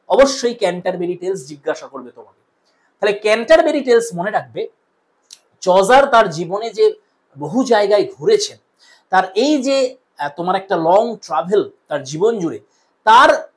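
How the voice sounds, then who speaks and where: A woman with a West Bengal Bengali accent lectures like a patient exam coach, her voice pitched slightly above the usual. She spells out points for note-taking and says them again slowly. She often turns to her listeners to ask whether it is clear. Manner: dictates notes, repeats key points slowly; addresses viewers as friends, asks checking questions. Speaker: exam-prep tutor. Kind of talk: classroom lecture.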